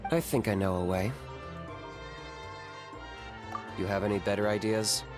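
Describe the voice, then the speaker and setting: A young male monster hunter from a video game, acted by a man, speaks in a low voice. He is pragmatic and detached, laying things out in a measured, deadpan way. Game music plays clearly behind him. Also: close to an everyday voice. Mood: resolute. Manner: deadpan, measured, matter-of-fact. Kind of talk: English video game voice acting.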